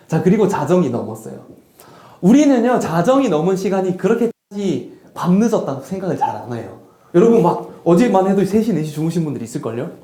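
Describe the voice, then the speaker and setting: A pastor preaching to a young congregation in a lively, conversational way, asking the room questions and answering them himself. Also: mid-range voice. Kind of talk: sermon to a youth congregation. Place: church hall. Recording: echoey church hall.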